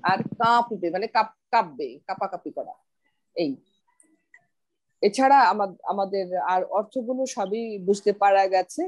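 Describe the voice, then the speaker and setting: A woman's voice: mid-range voice, dry recording. Dry-sounding woman teaching pronunciation. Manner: patient, repeats words slowly for students. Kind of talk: online class, explaining pronunciation. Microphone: video call.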